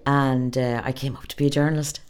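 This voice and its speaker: A middle-aged woman with a west of Ireland accent giving thoughtful, conversational interview answers, pausing to find her phrasing. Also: a bass voice, fairly even intonation, clear, resonant tone. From Galway, west of Ireland. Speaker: interview guest, public relations professional.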